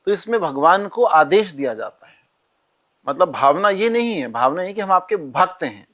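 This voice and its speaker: A man guest calmly explaining rituals and mantras in an interview, speaking directly to the listener. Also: sits high, normal speed. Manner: calm, instructive, addresses listener directly. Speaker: astrologer guest.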